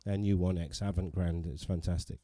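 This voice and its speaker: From his living room by a digital piano, a host and pianist runs a casual livestream, rambling with self-deprecating humor and plenty of restarts. His low-pitched, mellow voice has fairly even intonation and a brisk pace, recorded cleanly in studio quality without echo.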